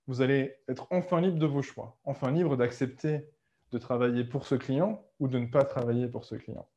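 A man talking casually to his audience as a business coach, mid-pitched and easygoing. He backtracks and fixes his words as he goes. The sound is a little dull and lo-fi. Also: normal speed, mellow. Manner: conversational, many fillers and self-corrections. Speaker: entrepreneurship coach. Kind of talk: casual explanatory talk to camera.

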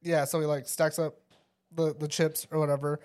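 A man's voice: fairly high pitch, level tone, moderate pace, a little mellow. A young man, a podcast host and father, chatting casually and telling rambling stories, laughing often and filling his talk with "like". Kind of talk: casual chat.

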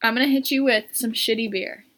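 A young woman in her twenties, co-hosting a casual podcast chat and asking quick, playful questions. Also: fairly high pitch, steady tone, a bit bright. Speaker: podcast co-host.

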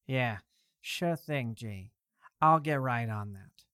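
A man's voice: medium pitch, animated, slow, pushed and bright, clean tone, no echo, studio quality. A man voicing a weary, sarcastic male goat head of a chimera, talking with a tired drawl.

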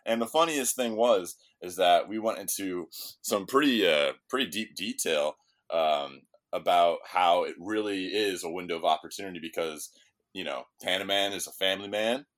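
A man's voice: deep voice, moderate pace, fairly bright tone. A man hosting a podcast in casual chat, rambling and swearing as he restarts his sentences. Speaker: podcast host. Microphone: studio microphone.

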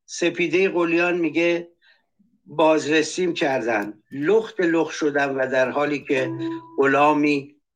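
Man, political talk show, impassioned, angry, denouncing tone. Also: on the high side. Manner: impassioned, reads testimonies aloud. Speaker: panelist.

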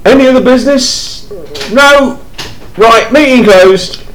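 A man playing a brisk, businesslike villager chairing a meeting. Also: very high voice, fairly bright tone, slight background noise, exaggerated voice, rough recording.

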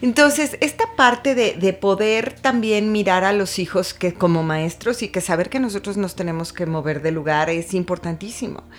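A woman's voice: medium pitch, moderate pace, few pauses. A middle-aged woman, chatting casually and acting out quotes as she tells stories. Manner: animated storytelling, acts out quotes. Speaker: guest. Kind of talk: casual chat.

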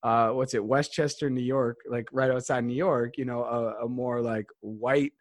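A podcast host with a medium-pitched voice speaks at a moderate pace with fairly even intonation in a casual conversation. His sentences are loose and rambling, full of restarts and fillers. The sound is clean studio audio with no room sound.

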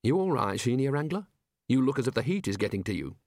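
A man's voice: medium pitch, very animated, fast talker, darkish tone, dry recording, studio quality. A man voicing a grumpy, sceptical male wizard dean. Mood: grumbling. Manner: grumbling, sceptical.

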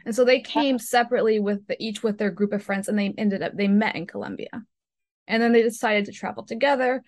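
A woman's voice: mid-range voice, quick pace, darkish tone, no room sound, studio quality. A woman from Ecuador, a food blogger, telling chatty stories from her childhood as an interview guest. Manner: chatty storyteller, laughs while telling. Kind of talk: casual interview chat.

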